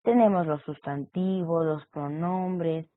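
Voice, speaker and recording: A woman's voice: sits low, slow, no echo. A woman explaining punctuation and text structure as an online course teacher, walking through examples. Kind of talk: recorded online lecture. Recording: tinny phone-like audio.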